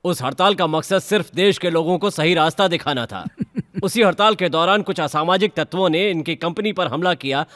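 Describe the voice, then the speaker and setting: A man's voice: on the high side, moderate pace, fairly bright tone, big-room sound, natural voice. A man playing a scornful opposing lawyer. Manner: scornful, dismissive. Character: scornful male lawyer for the party. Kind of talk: Hindi film dub.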